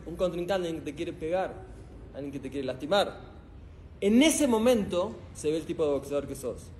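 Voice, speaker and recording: Speaking at a moderate pace in a voice on the high side, with a little hiss or hum, this Argentine middle-aged motivational speaker talks live without a microphone. He energetically tells stories and quizzes the audience throughout, in a hall packed with people.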